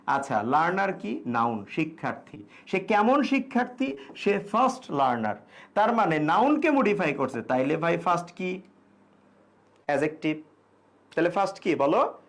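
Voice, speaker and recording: A man's voice: a little high, expressive, moderate pace. A young man teaching an English grammar class, explaining casually in Bengali with English examples and answering students' questions. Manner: reads student questions aloud and answers them. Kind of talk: online exam-prep grammar class.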